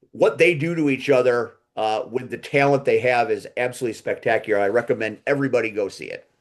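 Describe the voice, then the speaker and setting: Fifties male regular, dry playful banter, mid pitch. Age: 50s. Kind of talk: casual chat.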